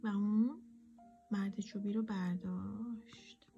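A woman reading a children's storybook aloud in a gentle, often half-whispered voice. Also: medium pitch, fairly even intonation, vocal fry, highs cut off. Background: soft instrumental music.

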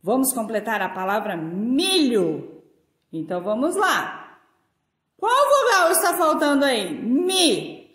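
A Brazilian woman teacher with a Brazilian Portuguese accent guides young children through a lesson, drawing out her syllables in a slow, sing-song way. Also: fairly high pitch, big pitch swings, a bit bright. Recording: echoey room.

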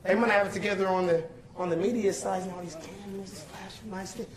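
A man's voice: high voice, steady tone, quick pace. A young man giving an urgent, pleading speech to a crowded council chamber, often repeating himself to hold the room. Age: young adult. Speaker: protester addressing a council meeting. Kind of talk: impassioned public address. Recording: echoey chamber with loud crowd. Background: shouting crowd.

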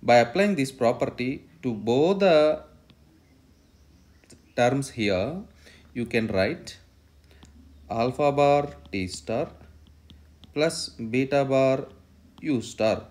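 Guy teaching math, average pitch, dictating as he writes, says lines over again. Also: lively intonation, very slow, pauses often, a little mellow. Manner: dictating, repeating phrases as he writes. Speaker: mathematics lecturer. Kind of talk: step-by-step lecture while writing out a proof.

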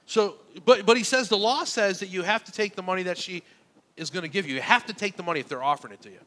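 A man's voice: high-pitched, quick pace, a bit bright. A man preaching a sermon, telling a personal story in a conversational way and acting out the back-and-forth of the conversation. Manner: conversational storytelling, recounting dialogue. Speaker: pastor. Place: church.

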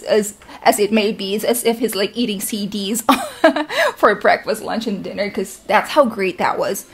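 A woman's voice: mid-range voice, husky. A woman reacting to a song as a vlogger, talking in a gushing, effusive way with lots of "like" and "you know". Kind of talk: casual reaction chat.

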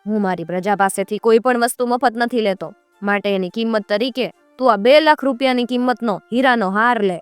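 A woman's voice: on the high side, a little fast, hardly any pauses, smooth, dry recording, faint music behind, natural voice. A woman voicing a proud hunting king who speaks in a commanding, lordly way.

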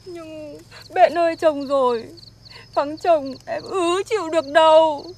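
A woman's voice: high-pitched, slow, a little mellow, slight background noise. A woman playing a clingy young wife who begs her husband not to leave for long. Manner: clingy, whiny. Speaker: footballer's wife.

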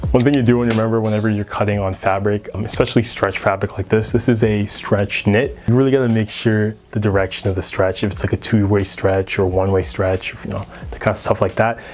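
A young man hosting a casual sewing tutorial, talking in a relaxed, chatty way full of fillers. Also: on the low side, brisk, faint music behind. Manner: relaxed, chatty, lots of fillers like "like" and "you know". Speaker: sewing channel host.

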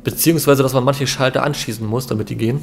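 A man's voice: mid-range voice, fairly even intonation, fast talker, gravelly, slight background noise. A young man giving casual let's play commentary in a laid-back, musing way. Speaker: let's player. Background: game ambience.

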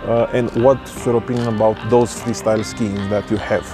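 A man's voice: lowish voice, level tone, moderate pace, music in the background. A man in his thirties, a vlogger, hesitantly reviewing skis outdoors at the foot of a ski slope, speaking with many fillers and restarts to a camera at medium distance. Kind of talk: casual product review vlog. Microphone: camera on a tripod at medium distance.

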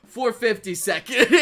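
A man's voice: extremely high pitch, creaky, sharp tone. A man streaming live and reacting to memes for his chat, rambling, repeating himself and swearing often.

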